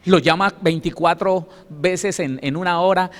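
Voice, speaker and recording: A man's voice: sits high, a little slow. A Colombian man, a pastor, preaching a sermon with emphatic delivery and acted-out quotes, in a Colombian Spanish accent. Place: church hall. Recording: long hall reverb.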